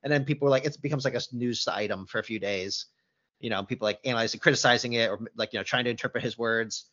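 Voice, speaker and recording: A man's voice: medium pitch, fast talker, pushed and bright, highs cut off. A man hosting a casual football debate, thoughtful and hedging as he talks things through.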